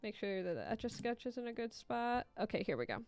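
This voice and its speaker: Clear, high-voiced woman chatting on a livestream. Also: sing-song, fast talker, a little mellow, faint music behind. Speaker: livestream host and Etch A Sketch artist. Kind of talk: casual livestream chat and running commentary to viewers.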